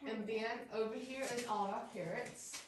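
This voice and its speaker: A woman's voice: fairly high pitch, normal speed. A woman giving an informal, chatty guided tour in a cave, telling things in a folksy way. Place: inside a cave. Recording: echoing cave, distant mic, background noise.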